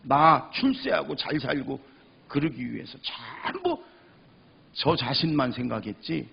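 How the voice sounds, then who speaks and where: A male pastor preaching a passionate sermon, swinging between loud cries and hushed speech and repeating phrases for emphasis. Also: mid-range voice, sing-song, a little slow, gravelly, breathy edge, highs cut off.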